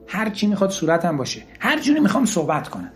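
A man's voice: sits high, huge pitch swings, soft background music. A man giving an earnest motivational talk, driving his points home with repeated, emphatic lists. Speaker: motivational speaker.

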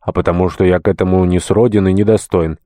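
A simple, good-natured deacon answers plainly and without hurry, as a man reading the book voices him. The voice sits low and mellow, dry and close. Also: fairly even intonation, quick pace, dry recording, lightly acted.

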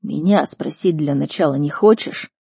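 A woman voicing a stern, angry duke who is the hero's father, shouting and commanding. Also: sits low, normal speed, gravelly, breathy edge, dry recording, studio quality, exaggerated voice. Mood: indignant. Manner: loud, commanding, outraged.

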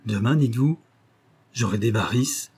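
Cast a man voicing a startled, protesting young official with a warm, husky tone. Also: medium pitch, moderate pace. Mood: surprised.

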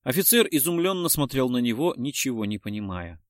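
A man's voice: mid-range voice, sing-song, fairly quick, no echo. Male audiobook narrator, dry close sound. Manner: dramatic storytelling.

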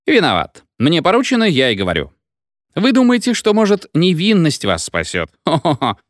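A man's voice: a little high, huge pitch swings, normal speed, dry recording, clean studio sound, pitched above the performer's own voice. A man voicing a drunken, pompous village medic who lectures in a rambling, hiccuping sing-song. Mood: tipsy lecturing.

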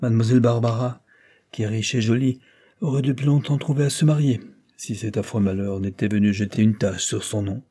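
A man's voice: fairly low pitch, a little fast, warm tone, lightly acted. A smug, evasive army captain, as a male narrator voices him. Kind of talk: audiobook character voice.

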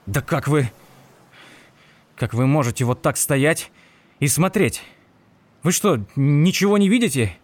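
A man reading an audiobook, voicing a panicked shopkeeper who shouts frantically in a high, cracking voice. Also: slow pace, no echo. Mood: frantic. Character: panicked middle-aged male shopkeeper.

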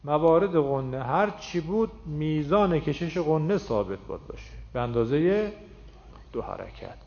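A man's voice: a little high, expressive, a little mellow. Man explaining a recitation rule. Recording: dull recording with faint background noise.

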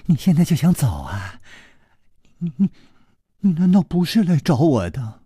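A lustful, teasing middle-aged woman purrs her lines in a hushed, breathy undertone, played by a male storyteller. Her voice dips low and slides around in pitch, and the sound is dry and close to the mic. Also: big pitch swings, moderate pace, no echo. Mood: coy, seductive. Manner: low breathy whispering, coy.

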